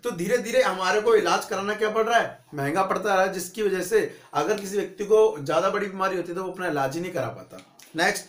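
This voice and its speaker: A man's voice: high-pitched, fast. A male teacher giving a conversational economics lesson, asking questions and answering them himself. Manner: conversational, asks and answers his own questions. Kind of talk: classroom economics lecture. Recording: echoey room.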